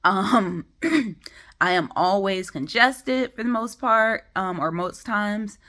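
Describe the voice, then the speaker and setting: Just out of bed, a woman vlogs from home, chatting to camera in a stuffy, sniffly voice and rambling with frequent ums. She speaks slowly and animatedly in a mid-range voice. Her tone is bright and forceful.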